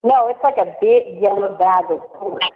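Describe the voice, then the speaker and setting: A woman talks on a prison phone, and her voice comes through thin and tinny as on a recorded jail call. She chats casually and giggles, with an ordinary, mid-pitched voice. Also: moderate pace, a little hiss or hum. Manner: chatty, giggly, tells little stories. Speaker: inmate caller.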